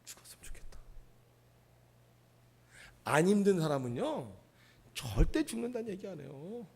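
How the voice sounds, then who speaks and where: A male pastor preaching a sermon, with dramatic pauses and rhetorical questions to the congregation. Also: sits high, very animated, creaky, a little mellow, husky.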